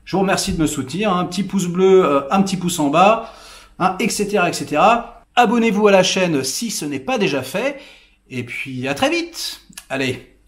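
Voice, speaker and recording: A man's voice: high voice, expressive, fairly quick. A man hosting his channel, giving a casual spoken film review in a rambling, hesitant way full of fillers. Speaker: film critic, channel host. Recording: echoey room.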